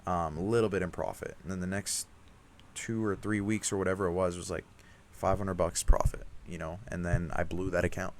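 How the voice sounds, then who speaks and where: Deep-voiced frustrated young man venting. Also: fairly even intonation, a little fast, slight background noise. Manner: frustrated, emphatic, self-critical, casual slang. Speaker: trading vlogger. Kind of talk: candid self-reflective vlog rant.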